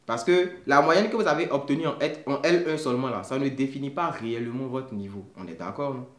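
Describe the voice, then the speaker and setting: Man, conversational advice vlog, middle pitch, roomy echo. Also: a little fast. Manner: conversational, checks in with viewers often. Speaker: study-abroad consultant. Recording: roomy echoey room sound.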